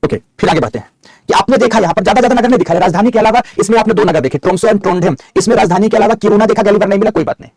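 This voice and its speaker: A man's voice: sits high, racing, darkish tone, no echo. A middle-aged male geography teacher, giving an online map lecture, answering students' chat questions and dictating notes.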